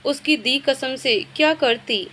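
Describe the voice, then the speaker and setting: A woman's voice: high voice, takes it slowly, bright, forceful tone, a little hiss or hum, full character voice. A woman voicing a worried, loving older mother in a storybook reading. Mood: sorrowful.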